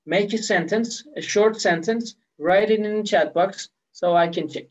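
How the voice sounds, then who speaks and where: A man's voice: high-pitched, normal speed, husky, rough recording. A man from Iran with a Persian accent teaching a live online English lesson, patiently repeating key words.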